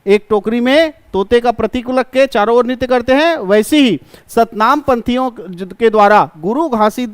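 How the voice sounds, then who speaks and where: A male coaching class teacher, giving an exam-prep lecture. He asks a question, answers it himself, and repeats key terms slowly. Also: extremely high pitch, smooth, no room sound.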